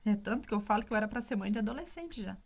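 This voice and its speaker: A woman's voice: mid-range voice, lively intonation, rapid-fire, vocal fry, darkish tone. A woman in her thirties telling a personal story in an emotional, casual way, often apologizing for her feelings. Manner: emotional, tearful at times, with many fillers. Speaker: vlogger sharing her testimony.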